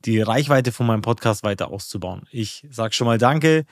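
A man's voice: mid-range voice, moderate pace, dry recording, clean studio sound. A man hosting an interview podcast, introducing a guest and asking earnest questions with some fillers and restarts. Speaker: podcast host. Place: indoors.

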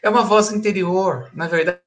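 A man's voice: high-pitched, fairly even intonation, moderate pace. A man, a pastor, preaching in a live-streamed Bible study, emphatic and repetitive, chuckling between points.

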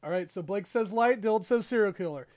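A man's voice: sits high, fairly quick, a little mellow. A man hosting a casual podcast chat and running a quiz game, joking and laughing often as he talks. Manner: laughs often while talking, loose and joking.

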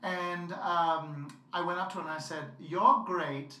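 A woman guest in a casual interview, playful and laughing, who acts out quotes loudly. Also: fairly low pitch, steady tone, unhurried. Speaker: guest performer. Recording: echoey room from far off.

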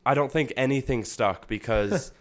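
A man's voice: mid-range voice, moderate pace. A young man co-hosting a podcast, telling a story in casual chat with lots of fillers and quoted asides. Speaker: podcast co-host.

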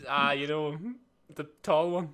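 A young man, talking in a casual chat, halting and excitable. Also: on the high side. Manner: halting, restarts a lot, excitable.

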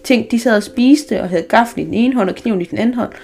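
A woman voicing a bold, cheeky young girl in a storybook reading, loud, lively and boastful. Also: fairly high pitch, vocal fry. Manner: lively, loud, fibbing with gusto.

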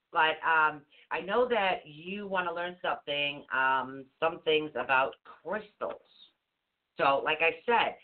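A woman hosting an online talk show, chatting in a rambling, self-interrupting way, a bit stuffy with allergies. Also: deep voice. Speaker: show host. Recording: tinny phone-like call audio.

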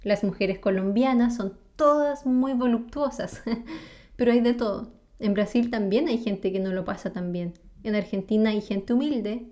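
Speaking straight to camera, this woman from Chile explains things warmly in her native Spanish with a Chilean accent. Her voice is mellow and mid-range, her pace measured. As a vlogger, she keeps throwing questions at the viewer and laughs between her points.

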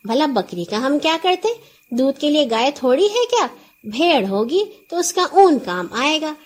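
A woman's voice: high-pitched, sing-song. A woman voicing a cheerful, doting peasant wife who exclaims and calls out to servants. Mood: delighted. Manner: bright exclaiming, calling out to servants.

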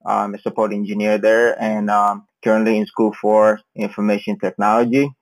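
A man's voice: fairly low pitch, little pitch movement, normal speed, poor audio. A man, a podcast guest, speaking thoughtfully with frequent hesitations. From Ghana. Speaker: interview guest. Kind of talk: casual interview.

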